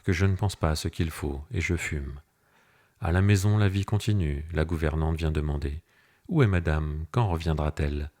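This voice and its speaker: Male audiobook narrator, low register, steady and serious first-person delivery. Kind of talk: scripted literary narration.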